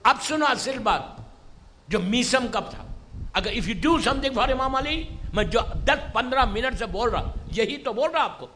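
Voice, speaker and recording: Male preacher, dramatic sermon storyteller; very high, brilliant tone, wide lively pitch, sudden loud-soft swings. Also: a little hiss or hum. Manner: swings from hushed to shouting, mixes in English words.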